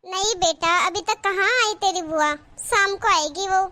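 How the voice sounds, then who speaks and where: A woman voicing a caring middle-aged mother in a cartoon, speaking gently and reassuringly in a very high voice. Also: unhurried, heavily acted. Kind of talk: cartoon voice acting.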